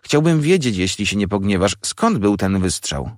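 A man's voice: fairly low pitch, very animated, moderate pace, no echo, studio quality. A man voicing a curious young boy who asks earnest, timid questions. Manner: inquisitive, earnest.

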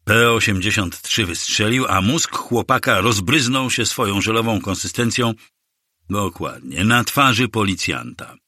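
A man narrating a crime novel aloud with measured, steady reading. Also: fairly low pitch, dry recording, studio quality. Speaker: audiobook narrator.

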